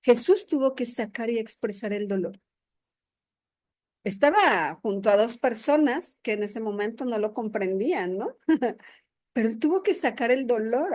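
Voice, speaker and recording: A woman's voice: fairly high pitch, lively intonation, a little slow, a little mellow. Earnest woman preaching with tag questions. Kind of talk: sermon-style testimony talk. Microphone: microphone.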